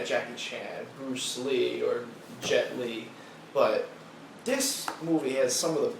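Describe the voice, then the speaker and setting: Gravelly man, casual film chat, far from the mic, echoey noisy room. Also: mid-range voice. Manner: laid-back, laughs often. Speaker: podcast co-host.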